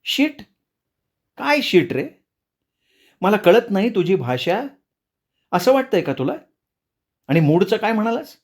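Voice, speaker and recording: A man voicing an older mother in a storybook, scolding her son with shrill, indignant questions. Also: sing-song, measured pace, long pauses, exaggerated voice. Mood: outraged.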